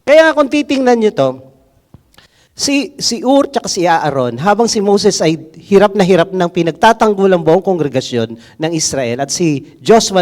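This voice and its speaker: A man preaching a sermon, mixing English into his talk and asking the congregation rhetorical questions, swinging from loud to hushed. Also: high-pitched. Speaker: pastor.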